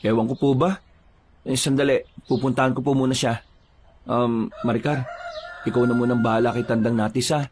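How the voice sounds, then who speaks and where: A man playing a steady, protective village father who talks in a plain, reassuring way. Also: mid-range voice, brisk, pauses often, slight background noise, lightly acted.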